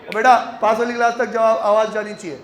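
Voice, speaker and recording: Male accounting teacher, high voice, animated call-and-response lecture, echoey room with faint background hum. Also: fast talker. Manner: animated, coaxing students into loud call-and-response chants. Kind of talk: classroom lecture. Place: classroom. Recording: echoey classroom with faint ambience.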